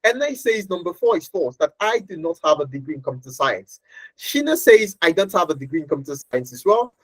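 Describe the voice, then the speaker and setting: A woman's voice: low-pitched, sing-song, fairly quick, dry recording, low-quality recording. Chatty woman teaching a live online class. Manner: laughs often and checks in with "okay?". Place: home workstation.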